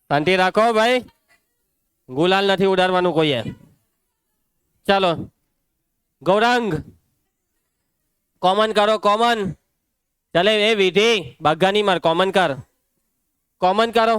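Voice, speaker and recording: Brisk Gujarati male maths teacher. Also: high-pitched, fairly bright tone, clean tone, no echo. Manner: brisk, quizzes pupils by name, scolds the class. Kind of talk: live classroom lesson.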